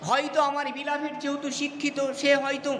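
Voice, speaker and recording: A man's voice: very high voice, completely flat delivery, fairly quick, fairly bright tone. A man, teaching a poetry lesson and often stopping to check that students follow. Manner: explanatory, checks understanding with repeated questions. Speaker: English teacher. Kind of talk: classroom lecture on poetry. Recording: reverberant room with faint ambient noise.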